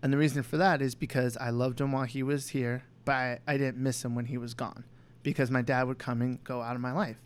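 A young podcast co-host speaks candidly about personal matters, rambling with frequent "you know"s and restarts. His mid-range voice is level, brisk and smooth.

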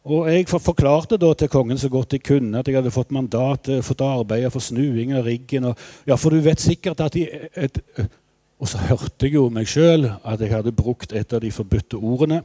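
An older man telling a personal story in a measured, reflective, somewhat halting way. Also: medium pitch, dark tone, no echo. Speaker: spokesman for bereaved families.

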